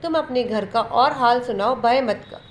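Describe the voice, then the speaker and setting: A flattering, coaxing rich merchant from a children's storybook lesson, as a woman teacher reads him aloud. He repeats his sweet words to keep the listener from leaving. The voice sits fairly high. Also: moderate pace, slight background noise, lightly acted.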